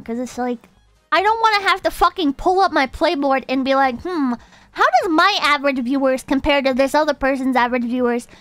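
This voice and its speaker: A woman's voice: high voice, fairly bright tone, no room sound. A woman livestreamer with a cute anime-streamer voice, ranting casually to her chat in a blunt, profane, exasperated way. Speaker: VTuber livestreamer.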